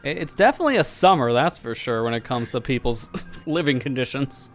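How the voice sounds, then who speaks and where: A man's voice: medium pitch, lively intonation, fairly quick, soft background music. Chatty joking male streamer. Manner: joking, chatty, laughs often. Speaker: streamer host. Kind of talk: casual livestream chat. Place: home, talking over voice chat.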